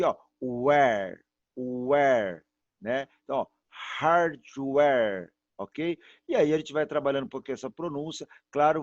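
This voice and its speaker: A man from Brazil teaching a class over a video call, patient and repetitive, stretching words out slowly to demonstrate them. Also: mid-range voice, no room sound. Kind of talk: online class pronunciation lesson. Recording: dull, muffled sound, dry.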